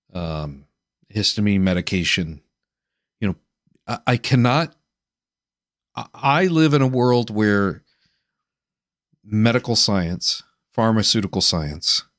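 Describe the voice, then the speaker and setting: A man hosting a casual chat on a video call, halting, with many restarts and fillers. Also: on the low side, no echo, clean studio sound. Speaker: host.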